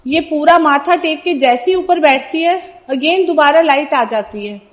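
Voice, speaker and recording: A middle-aged woman shares a personal testimony at a satsang, retelling family events in an animated storytelling way. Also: high voice, unhurried, dull audio. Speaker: devotee sharing testimony.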